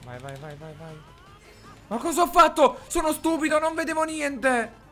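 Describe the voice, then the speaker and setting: Teasing gamer man, bright high voice. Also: big pitch swings, normal speed, faint music behind. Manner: teasing, giggly, chanting. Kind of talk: casual gaming banter.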